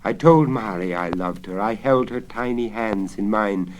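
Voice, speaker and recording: Man acting a desperate king, impassioned n commanding, slow dramatic storybook reading, bit of record crackle. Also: fairly low pitch, close to an everyday voice. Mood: wistful. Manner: impassioned, theatrical, imperious. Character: anguished, desperate lovesick king, commanding and impatient. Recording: crackly 1970s vinyl spoken-word record.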